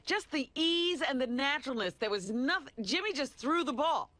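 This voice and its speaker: A radio co-host chiming in with quick remarks during casual studio banter. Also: high-pitched, animated, pushed and bright, dry recording.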